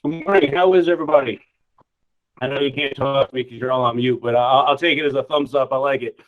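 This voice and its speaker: Halting man on a video call. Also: medium pitch, narrow, tinny audio. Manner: informal, halting, lots of "uh" and repeated words. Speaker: state office executive director presenting an award. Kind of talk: virtual ceremony remarks.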